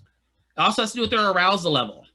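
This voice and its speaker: A physical therapy lecturer keeps things casual with his class, joking on the side and regularly checking in with "right?". He speaks quickly in a high, pushed, bright voice with big pitch swings.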